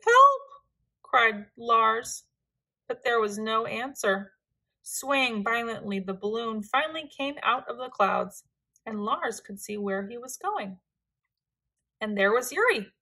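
A woman reads a children's picture book aloud at an unhurried, gentle pace. Her voice is bright and a little high for a woman. She narrates with an expressive, soft storytelling manner.

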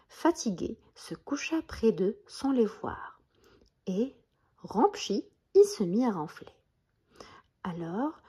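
Lady reading a bedtime story, soft half-whispers, mellow breathy voice. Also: a little high. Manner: gentle, often half-whispered.

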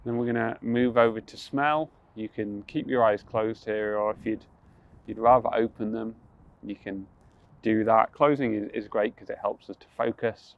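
A young man with a fairly low voice guides a mindfulness practice, calm, unhurried and gentle. He is recorded outdoors on a rooftop through a small earphone mic, and the sound is somewhat dull and lo-fi. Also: gravelly. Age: young adult. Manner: calm, slow and gentle, with soft restarts. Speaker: mindfulness instructor.

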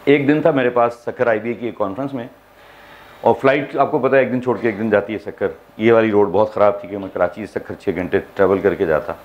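A man's voice: medium pitch, a little mellow, highs cut off. A man leading a university workshop, speaking emphatically, asking rhetorical questions and mixing in English phrases. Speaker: workshop trainer. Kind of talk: workshop lecture. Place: university seminar hall.

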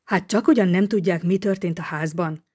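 A woman's voice: fairly low pitch, a little mellow, slightly rough. A woman reading an audiobook, voicing a stern middle-aged male police inspector who asks tense, probing questions.

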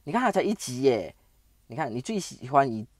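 A man giving chatty, excitable commentary over a strategy game he is playing, stumbling and restarting as he talks. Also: mid-range voice, brisk, no room sound. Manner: chatty, excitable, with frequent sentence-final particles and stammered restarts. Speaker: game channel host. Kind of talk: casual gameplay commentary.

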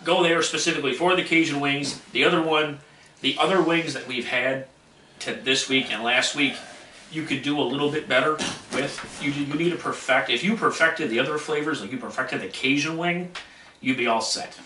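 A man chatting on a casual podcast, rambling with lots of ums and restarts. His voice is bright and forward. He sounds roomy and distant from the mic, with a faint hiss behind him. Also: on the high side, moderate pace. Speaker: podcast co-host rating wings. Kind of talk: casual chat. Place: small room at a table with others.

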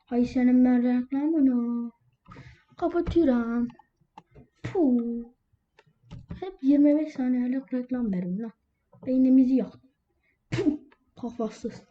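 A woman's voice: sits high, takes it slowly, pauses often. A woman hosting her own gaming channel, giving casual commentary while grumbling and ranting at the game. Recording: lo-fi with background noise.

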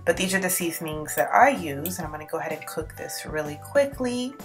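Over music, a woman with a deep voice talks in an animated way and a little fast. She's a home cooking vlogger in her thirties, leading a casual cook-along and giving informal instructions indoors, in her kitchen and living room.

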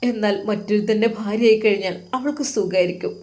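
A woman voicing a heartbroken, self-sacrificing young man speaking in a hushed, sorrowful tone. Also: medium pitch, fast talker, natural voice. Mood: grieving, hushed. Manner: hushed, sorrowful inner monologue.

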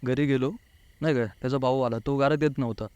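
A man from Pune, India, guests on an interview and chattily recounts a personal experience, acting out what people said and constantly dropping in the filler "नाही का". His mid-range voice is fairly quick, fairly even in intonation and a little mellow, with a clean tone, no echo and somewhat dull audio.

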